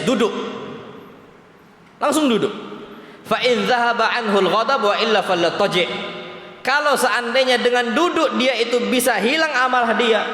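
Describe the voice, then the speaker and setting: A male preacher with a Palembang-region Indonesian accent gives a lively sermon, tossing questions to his listeners and answering them himself. His voice sits high, and he moves between quoted Arabic and his own translation of it. The sound carries a long reverb from a large mosque hall. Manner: animated, asks the audience questions and answers them.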